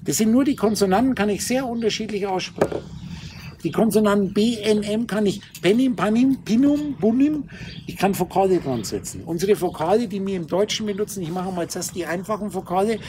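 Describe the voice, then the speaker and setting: Man slowly sounding out letters, noisy recording. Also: high voice. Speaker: teacher of Hebrew letter mysticism. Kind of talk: informal spoken lecture to a small group.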